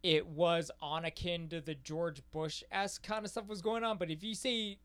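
A man's voice: fairly high pitch, fairly even intonation, moderate pace, fairly bright tone, smooth. A man in a casual podcast chat, jumping in with blunt, profane jokes. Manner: blunt, profane, jokey interjections.

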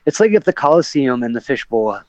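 His pitch swings widely as this pro MMA fighter, a podcast guest, tells a story fairly quickly in a darkish mid-range voice. The delivery is casual and rambling, full of fillers and restarts, and the recording is dull, dry, and lo-fi.

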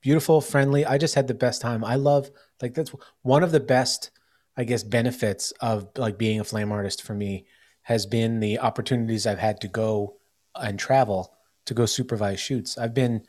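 A man's voice: mid-range voice, fairly even intonation, moderate pace, darkish tone. Rambling American man hosting a podcast. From United States. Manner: rambling, many "like" fillers and restarts. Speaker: podcast host. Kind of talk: casual chat.

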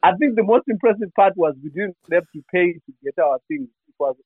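A man's voice: sits high, animated, brisk, slightly rough, no room sound. A man from Zimbabwe, a comedian, calling in over the phone, talking casually with hesitant, stammering restarts. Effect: heard over the phone. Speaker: comedian phoning in. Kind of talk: casual call-in chat. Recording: tinny phone line.

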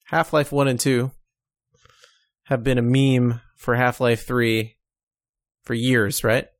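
A man's voice: medium pitch, flat delivery, no room sound, studio quality. A man co-hosting a podcast, talking about gaming news in a wry, joking way. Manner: wry, joking, quick to laugh. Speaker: podcast co-host. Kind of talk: casual gaming news chat.

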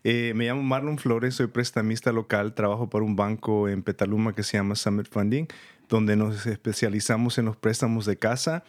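A man's voice: on the low side, steady tone, moderate pace. A man from El Salvador, a loan officer guest in an interview, explaining in a friendly way with simple step-by-step talk and easy laughs.

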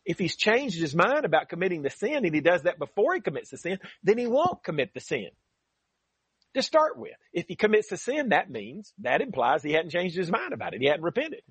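Husky male radio Bible teacher, earnest and emphatic, lively rising pitch, dry close mic. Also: brisk, dry recording. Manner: earnest, emphatic preaching with scripture readings.

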